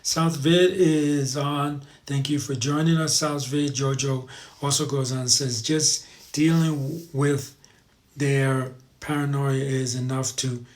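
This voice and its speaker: Speaking slowly in a mid-range voice with fairly even intonation, a live show host rambles through a relaxed livestream. He reads comments, addresses his viewers as "guys," and keeps repeating his advice to drive it home.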